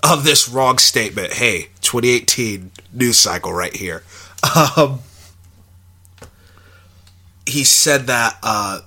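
A man's voice: medium pitch, lively intonation, takes it slowly, long pauses, bright, forceful tone. A young man in casual conversation about a film, thinking aloud with lots of fillers and restarts.

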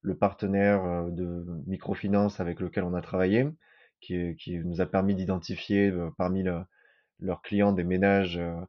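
A man in his thirties from southern France, talking about his experience as a podcast guest in a halting way, often restarting and repeating words. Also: low-pitched, little pitch movement, highs cut off. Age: 30s. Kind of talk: personal testimony podcast.

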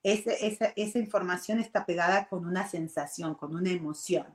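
A woman's voice: lowish voice, a little fast. A woman gives a reflective personal talk on meditation and emotions. She talks earnestly, restarts phrases often, keeps checking in with "ok?" and slips in English words. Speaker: meditation and self-growth speaker. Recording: roomy echo.

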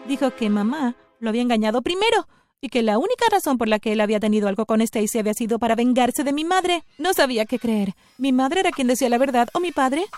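A woman giving an expressive, scripted first-person narration of a story. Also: a little high, fast, faint music behind.

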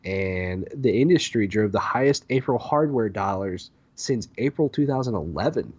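Husky low-voiced man, dull lo-fi sound. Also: lively intonation, moderate pace, a little mellow. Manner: reads lists with stumbles and laughs. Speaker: podcast co-host. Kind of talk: casual gaming podcast chat.

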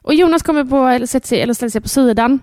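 A woman in her thirties, a podcast co-host, telling a story in a lively, animated way and acting out her own shouts. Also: sits high, no room sound, studio quality. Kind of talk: casual chat.

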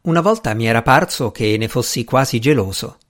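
A man's voice: mid-range voice, animated, fairly quick, a bit bright, natural voice. A man voicing a good-natured young woman in an audiobook, earnest and a little teasing. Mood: playful.

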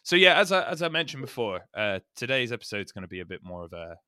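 A man with a hoarse, croaky voice, worn from a recent illness, hosting a casual podcast in a hesitant, conversational way. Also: mid-range voice, very animated, quick pace, bright, forceful tone, no room sound, studio quality. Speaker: podcast host.

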